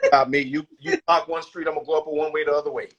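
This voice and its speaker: A man's voice: on the high side, sing-song, racing, gravelly, fairly bright tone, lo-fi sound. A man in his fifties from New Orleans, a guest in a casual interview, easygoing and joking.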